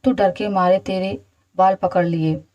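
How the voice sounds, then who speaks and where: A woman voicing a cunning old foster mother in a storybook, speaking softly and coaxingly in a dark, mellow tone. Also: medium pitch, steady tone, measured pace, muffled recording, lightly acted. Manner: soft, coaxing.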